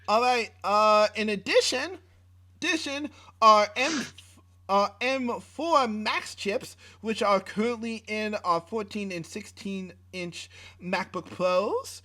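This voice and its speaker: Reading out specs on a laid-back tech podcast, the male co-host speaks slowly in a high, pushed, bright voice. It's casual chat, with frequent fillers, restarts and some mild swearing.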